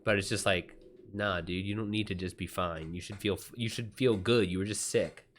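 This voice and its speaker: A live streamer with a low, steady voice at normal speed chats casually, giving loose, informal running commentary and swearing freely.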